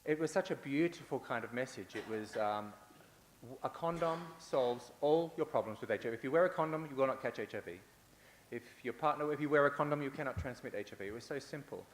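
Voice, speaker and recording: In a large conference hall, a man with a mid-range voice delivers a fast-paced conference talk. He builds his points through repeated phrases and rhetoric, with occasional fillers and restarts. The recording is echoey with a faint hiss.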